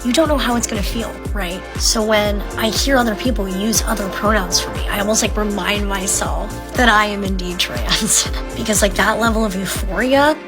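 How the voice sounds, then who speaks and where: Quick, chatty young woman over music. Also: medium pitch. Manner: quick, chatty, filler-heavy. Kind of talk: casual talking vlog.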